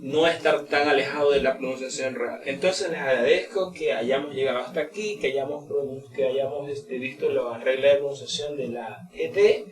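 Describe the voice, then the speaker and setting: A man giving a casual spoken lesson as an English teacher, hesitant, with many fillers and words repeated slowly. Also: mid-range voice, recorded from a distance. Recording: roomy, off-mic, crowd behind.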